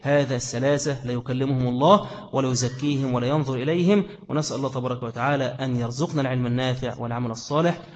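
A man's voice: medium pitch, steady tone, racing, darkish tone, lo-fi sound. A man with an Egyptian Arabic accent giving a religious lesson, stressing points by repeating phrases and asking rhetorical questions. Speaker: preacher. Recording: long hall reverb.

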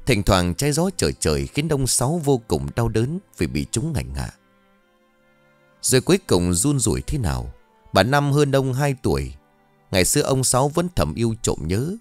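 Male audiobook storyteller with animated delivery. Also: mid-range voice, moderate pace, no echo, faint music behind. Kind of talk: scripted audiobook narration.

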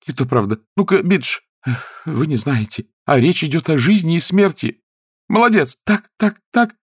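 A man voicing a fussy, excitable elderly earl in a read-aloud story. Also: on the high side, moderate pace, slightly rough, no room sound, clean studio sound, pitched above the performer's own voice. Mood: excited.

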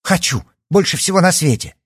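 A man's voice: high voice, lively intonation, fairly quick, slightly rough, no room sound, studio quality, voice pushed up, exaggerated voice. A male narrator voicing a frightened, vain teenage girl who pleads desperately in an audiobook. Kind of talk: audiobook character voice.

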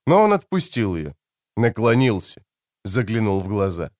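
A man narrating an audiobook in an expressive storytelling manner. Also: lowish voice, normal speed, dry recording, clean studio sound. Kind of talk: scripted narration.

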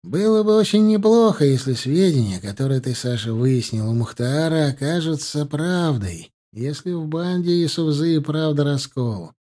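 A man voicing a calm, stern counterintelligence captain who speaks in an impassive, measured way. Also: lightly acted. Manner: impassive, measured, slightly higher pitch.

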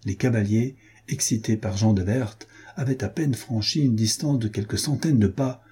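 Very husky, low-voiced male narrator. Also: moderate pace, warm tone. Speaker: audiobook reader. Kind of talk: scripted narration.

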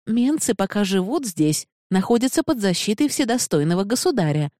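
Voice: mid-range voice, big pitch swings, fairly quick, darkish tone, no room sound, pitched above the performer's own voice, close to an everyday voice. A reader voicing a brave young woman who stands up firmly to armed guards, in a dry, close recording. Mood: defiant. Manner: firm, imploring. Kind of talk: audiobook character voice.

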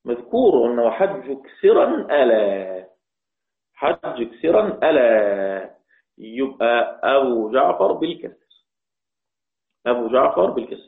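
A man with an Egyptian accent teaching the variant Quran readings, repeating each phrase and chanting the quoted verses slowly. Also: mid-range voice. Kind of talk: religious lesson explaining readings. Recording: echoey, tinny phone-like sound.

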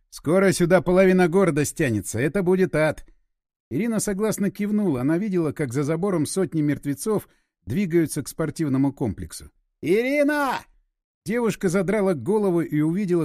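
Lively high-voiced male audiobook narrator. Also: dry recording, clean studio sound.

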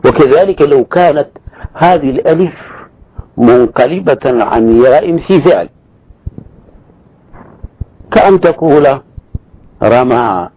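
A man's voice: medium pitch, expressive, takes it slowly, pauses often, warm tone, slightly rough, no echo, low-quality recording. A man teaching grammar, explaining a verse text in a lecture, repeating key words and prompting with short tags.

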